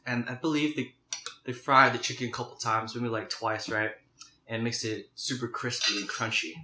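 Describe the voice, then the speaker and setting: Young man's bright voice, casual mukbang chat. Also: medium pitch, fairly even intonation, normal speed. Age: young adult. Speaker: mukbang video host. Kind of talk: casual chat to camera while eating crunchy fried chicken. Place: home kitchen, indoors. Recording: roomy, echoing kitchen sound.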